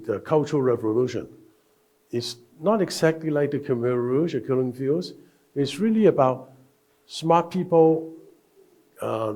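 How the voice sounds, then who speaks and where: Older guy w/ teaching a leadership workshop, slow and emphatic, mellow voice. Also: medium pitch. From Hong Kong. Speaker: workshop speaker.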